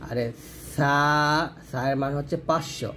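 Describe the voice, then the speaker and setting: A man with a slightly high-pitched voice gives a patient pronunciation lesson. He draws out each letter sound slowly to demonstrate it, then explains it step by step. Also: darkish tone, slight background noise. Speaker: Quran reading teacher.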